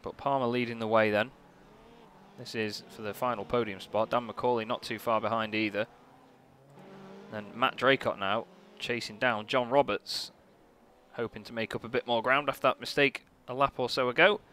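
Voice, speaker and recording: A man giving live sim racing commentary as a motorsport commentator, casual, chatty and excitable. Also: mid-range voice, normal speed. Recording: noisy, car engine sound behind. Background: racing car engines.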